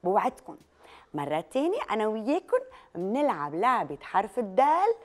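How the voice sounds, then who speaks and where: A woman with a Lebanese Arabic accent, teaching children the letter dal through a clapping game and drawing out each test word slowly. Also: mid-range voice, very animated. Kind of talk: children's lesson, leading a listening game.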